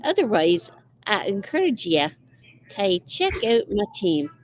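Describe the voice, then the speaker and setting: A woman's voice: medium pitch, very animated, unhurried, a little hiss or hum, rough recording. A realtor woman reading a client letter aloud in a put-on Scottish accent, lilting and sing-song. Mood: playful. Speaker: realtor guest.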